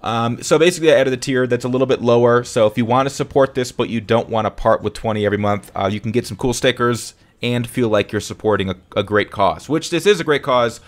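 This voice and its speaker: A man's voice: mid-range voice, fast talker, hardly any pauses. A young man hosting a casual live stream, talking in an upbeat, rambling way that often corrects itself. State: hiccuping.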